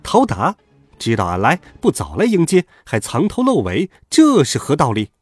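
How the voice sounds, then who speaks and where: Man playing a fiery monkey king, brash, loud commanding shouts, animated swooping delivery, husky edge, storybook audio. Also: on the high side, normal speed, no room sound, clean studio sound, faint music behind, full character voice. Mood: shouting angrily.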